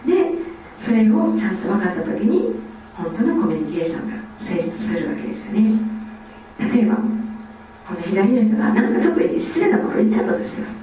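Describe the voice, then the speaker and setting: Fast-talking woman lecturing in a hall. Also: medium pitch, noisy background. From Osaka. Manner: lively, acts out children's speech. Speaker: lecturer on child development. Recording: echoey hall, distant mic, faint ambience.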